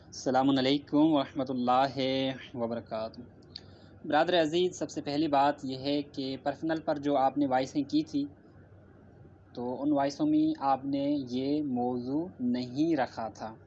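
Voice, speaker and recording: A man's voice: medium pitch, steady tone, darkish tone. A man answering in a formal religious debate, hammering each point home by repeating it and leaning on citations. The recording is dull and lo-fi, with a faint hiss underneath. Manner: repetitive, emphatic, cites scripture and hadith.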